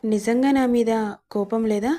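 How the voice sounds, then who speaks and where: A woman voicing a remorseful young man who pleads gently in a storybook reading. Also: on the high side, steady tone, normal speed, lightly acted. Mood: pleading.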